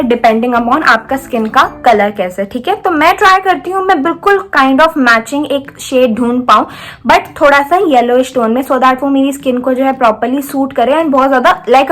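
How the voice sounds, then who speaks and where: A woman's voice: high voice, a bit bright. A young woman from India giving a makeup tutorial in a chatty, step-by-step way, often checking in with the viewer. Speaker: beauty vlogger. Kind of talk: makeup tutorial, casual Hinglish chat.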